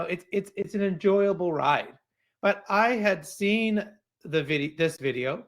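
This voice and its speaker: A man giving a keynote talk to an audience, telling a personal story in a lively way with some fillers and restarts. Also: a little high. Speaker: keynote speaker.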